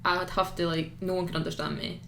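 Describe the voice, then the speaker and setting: Young host with a thick Fife accent, lowish voice, chatty and giggly, echoey room with faint noise. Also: female voice, steady tone, brisk, creaky, fairly bright tone. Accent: Fife Scottish. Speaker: podcast host. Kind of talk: casual podcast chat. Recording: roomy echo with faint noise.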